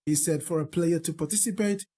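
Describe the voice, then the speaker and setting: A man reading the evening news in a measured, formal way. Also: a little high, warm tone, husky. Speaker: news presenter.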